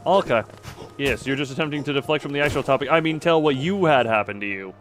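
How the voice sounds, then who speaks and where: A live streamer with a medium-pitched voice talks fast over faint background music. He gives casual, playful gameplay commentary that rambles along, punctuated by exclamations and silly sound effects.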